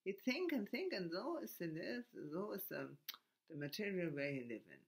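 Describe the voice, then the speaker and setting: Here a German-accented man from Germany halts his way through a reflective monologue full of restarts and grammatical slips. His voice is high-pitched and sing-song.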